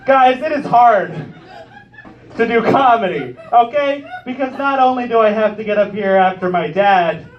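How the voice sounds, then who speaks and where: A man's voice: high-pitched, expressive, moderate pace, a little hiss or hum. A man in his late twenties performing a live stand-up set, self-mocking and chatty with the crowd. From Ontario, Canada. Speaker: stand-up comedian. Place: comedy club stage with a live audience. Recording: distant, muffled club recording.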